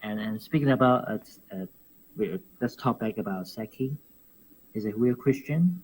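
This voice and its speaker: Speaking at normal speed in a low-ish voice, a Hong Kong professional wrestler is a guest in a casual interview. He's animated and prone to laughing, stumbling and repeating words as he searches for phrasing. The recording is rough.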